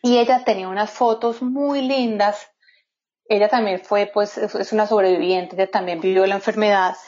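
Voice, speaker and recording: A woman's voice: medium pitch, steady tone, normal speed, darkish tone. A woman guest in an interview, telling a personal story in an earnest, heartfelt way. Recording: slightly dull lo-fi sound.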